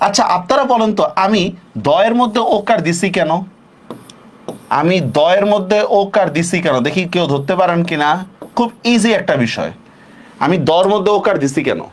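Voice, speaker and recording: A man's voice: high-pitched, animated, normal speed. A man teaching a live online class, repeating questions and checking often that students follow.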